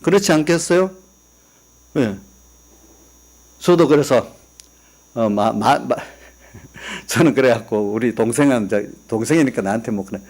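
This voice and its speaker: A man's voice: mid-range voice, unhurried, pauses often, a little mellow. Man, pastor, church sermon, conversational, rhetorical questions, personal stories. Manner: tells personal stories, quoting family members. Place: church sanctuary.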